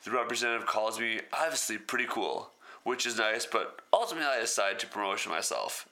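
Very bright-voiced wry male commentator. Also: fairly low pitch. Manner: wry, sarcastic asides. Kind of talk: reading a story aloud with commentary.

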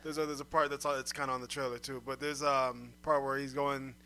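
A man's voice: medium pitch, level tone, a little fast, sharp tone, a little hiss or hum. A man co-hosting a casual chat among friends, who laughs often and acts out lines from a film. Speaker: podcast co-host.

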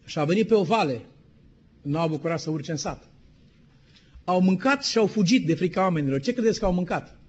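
A middle-aged male pastor from Romania preaches a sermon in a fairly high voice, telling stories and putting questions to his listeners. He slows down to read quotations. The recording is dull and lo-fi. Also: animated, darkish tone.

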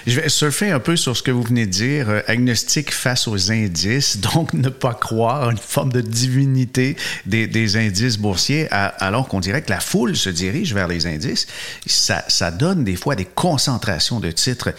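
A man interviewing in a conversational style, putting long, measured questions and rephrasing them. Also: medium pitch, animated, fairly bright tone.

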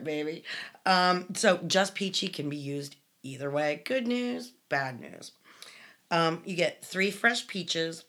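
Low-voiced woman, podcast co-host, loose chatty delivery with frequent ums. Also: a bit bright. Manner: chatty, with many ums and restarts. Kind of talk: casual chat.

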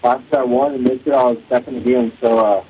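A man's voice: medium pitch, fairly even intonation, quick pace, mellow, slight background noise. A racing driver, a man, giving a matter-of-fact phone-in interview, his voice heard over a phone line. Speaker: off-road racer calling in as guest.

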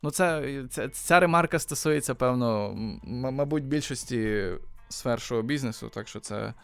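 A man's voice: medium pitch, moderate pace, gravelly, clean tone, faint music behind. A man, a rapper and songwriter, answering interview questions in casual chat, thoughtful and hesitant with many fillers and restarts. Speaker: podcast guest, rapper and songwriter.

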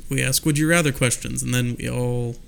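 A man hosting a casual podcast chat, relaxed and wry with dry jokes. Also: mid-range voice, fairly quick, creaky, slight background noise. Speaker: podcast host.

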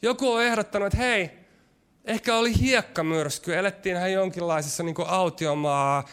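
A man preaching a sermon, his delivery shifting between quick, pressing stretches and slow, hushed lines. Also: high-pitched, clear, resonant tone. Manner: varied delivery, rushing ahead then dropping to slow, hushed lines.

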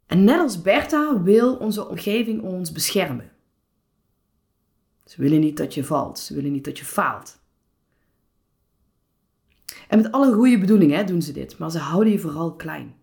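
A woman hosting a solo podcast as a personal coach, speaking calmly and reflectively with some hesitations. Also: lowish voice, normal speed, creaky, long pauses.

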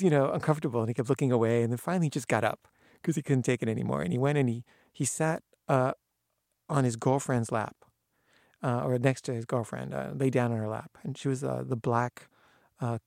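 In a dry, studio-quality recording, a man with a creaky, medium-pitched voice recounts a story from his own life. He's casual and animated, imitating the people he quotes and frequently stopping to start over.

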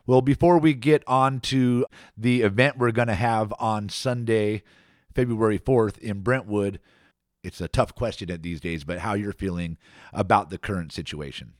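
Low-voiced man hosting a radio interview. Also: moderate pace, no echo, clean studio sound. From Antioch area, Contra Costa County. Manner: relaxed, conversational, with frequent fillers. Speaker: radio show host.

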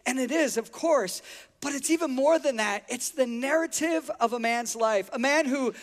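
A man's voice: very high voice, normal speed. A middle-aged man preaching a sermon as a pastor, telling a story and acting out the voices in it. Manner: storytelling, acts out voices in anecdotes. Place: church sanctuary. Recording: long hall reverb.

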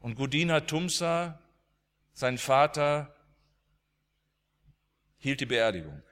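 A man's voice: mid-range voice, animated, takes it slowly, a bit bright. A male preacher delivering a sermon as dramatic storytelling, with emphatic swings in his voice. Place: church. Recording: long church reverb.

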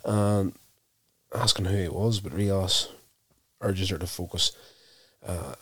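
A man casually recapping a TV episode, telling it in an unhurried, self-correcting way. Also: low-pitched, fairly even intonation, fairly bright tone, husky, no room sound.

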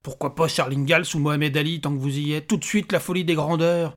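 A man's voice: fairly high pitch, fairly even intonation, fast, lightly acted. A man reading aloud and voicing a tiny, bald, bearded male imp who talks in an irritable, sarcastic rant. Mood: exasperated. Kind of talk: audiobook character voice.

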